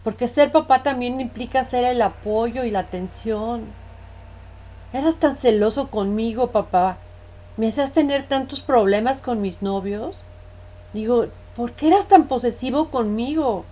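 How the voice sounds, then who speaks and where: A woman's voice: fairly high pitch, unhurried, mellow. A woman speaking as a middle-aged counseling patient who reproaches her parents, pleading and repeating "mom" between accusations. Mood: bitter.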